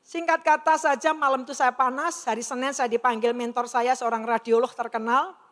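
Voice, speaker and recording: High-voiced woman telling her story in a hall. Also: fairly even intonation, fairly quick. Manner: earnest storytelling, frequently acting out quoted dialogue. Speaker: testimony speaker. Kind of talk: personal testimony to an audience. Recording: long reverb of a large hall.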